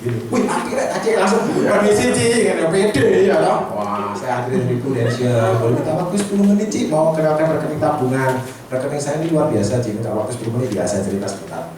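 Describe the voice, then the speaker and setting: A man telling stories to fellow insurance agents, acting out the dialogue in a lively way. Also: medium pitch, fast talker, crowd noise. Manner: animated, acts out dialogue, mixes in Javanese words. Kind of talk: motivational storytelling talk. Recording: echoey room, far from the mic, faint noise.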